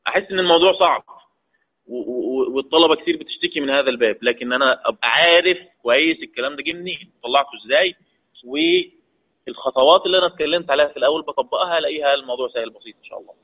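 A man with an Egyptian accent teaching Quran recitation rules, asking the class questions and answering them himself, drawing out key terms slowly. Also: on the high side, animated, husky. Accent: Egyptian Arabic. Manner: slow, drawn-out stress on key terms. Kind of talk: lecture mixing colloquial and formal Arabic. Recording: tinny phone-like lo-fi audio.

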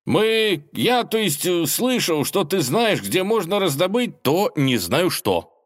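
A cheeky young folk hero from a storybook, as a man puts him on, his voice pitched well above a grown man's and lively as he pleads earnestly. Boldness and eagerness show in every line. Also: takes it slowly, dry recording, studio quality, heavily acted. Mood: flustered.

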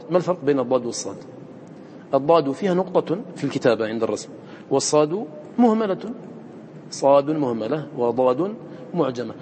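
A man's voice: mid-range voice, dark tone. A man teaching a recitation lesson, explaining step by step and quizzing his students with short questions. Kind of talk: classroom lesson explaining a poem. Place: lecture room with students. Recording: echoey hall with faint noise.

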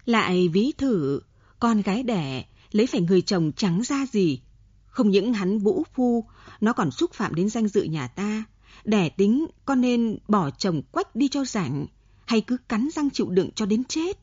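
Woman reader doing a cool-headed, argumentative grown daughter; husky, mellow voice, dry dull recording. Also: mid-range voice, unhurried, no echo. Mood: arguing calmly. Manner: calm, reasoning, persistent.

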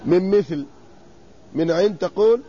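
High-voiced man teaching a lesson. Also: warm tone. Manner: drawn-out repetition of word forms, questioning students. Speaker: sheikh teaching inheritance law. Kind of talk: classroom lesson with students. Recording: muffled lo-fi lecture recording with faint noise.

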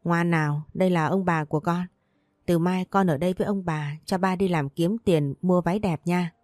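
A woman's voice: fairly low pitch, steady tone, normal speed, a little mellow, no echo, clean studio sound, close to an everyday voice. Woman reading as an easygoing young man.

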